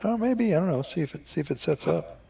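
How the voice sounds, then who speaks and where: A man's voice: a little high, lively intonation, fast talker, vocal fry, warm tone, slightly rough, faint music behind. A man co-hosting a live trading stream, chatting casually with wry, joking banter. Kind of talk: casual chat while trading.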